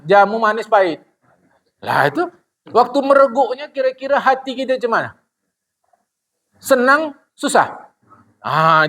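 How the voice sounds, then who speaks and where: A man's voice: high-pitched, a bit bright. A middle-aged man, giving a humorous sermon to his congregation. He asks questions and answers them himself, and acts out little dialogues. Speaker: religious teacher.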